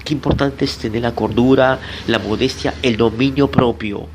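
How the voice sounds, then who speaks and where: Spelling Greek terms letter by letter, this pastor teaches from the Bible in a deliberate sermon, addressing the congregation directly and answering his own questions. His medium-pitched voice stays fairly even, while the rough recording has a slight hiss or hum.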